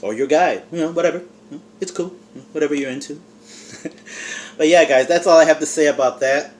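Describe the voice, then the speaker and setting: A man's voice: a little high, a little fast, a little hiss or hum. A man giving a rambling, casual movie review to camera, full of fillers. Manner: eating and talking with mouth full.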